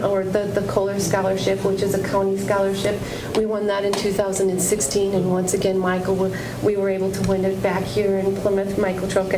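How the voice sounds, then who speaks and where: A woman, a school district administrator, giving announcements at a board meeting, reading out names, dates and awards. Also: mid-range voice. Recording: noisy community TV recording.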